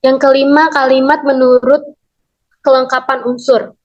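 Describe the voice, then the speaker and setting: A young woman, a university student, reading a lesson summary aloud in a steady, list-like way, numbering each point. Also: high voice, measured pace, lo-fi sound. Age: young adult.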